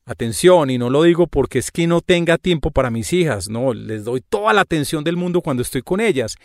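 A man's voice: fairly high pitch, animated, a little fast, no echo, clean studio sound. A man talking through a podcast monologue in a conversational, explaining way. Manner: conversational, explaining with everyday examples. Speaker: podcast host.

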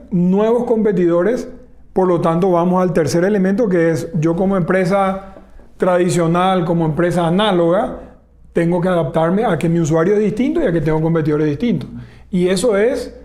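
A man's voice: high voice, dark tone. A man, a telecom executive in a business interview, laying out his points one by one. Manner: explains point by point, enumerating pillars.

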